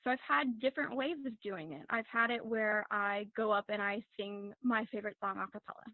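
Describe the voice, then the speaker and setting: A woman drama instructor giving calm, instructive audition advice in a casual chat over a video call. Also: mid-range voice, dry recording. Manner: instructive, encouraging, measured. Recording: tinny phone-like video call audio.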